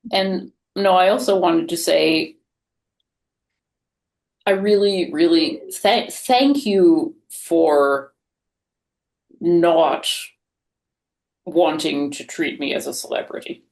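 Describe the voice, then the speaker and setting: A woman's voice: fairly low pitch, slow pace, long pauses, darkish tone. A woman who is a priest, telling stories candidly and wryly with frequent laughter, speaking over a video call. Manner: candid, self-deprecating storytelling with laughter. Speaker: Anglican priest. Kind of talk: webinar conversation.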